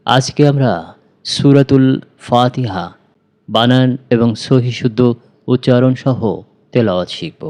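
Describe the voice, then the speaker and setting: A man with a Bangladeshi Bengali accent teaching Quran recitation, spelling out syllables and drawing out each word slowly. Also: mid-range voice, darkish tone. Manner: measured, drawn-out recitation of syllables. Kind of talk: slow spelling and recitation lesson.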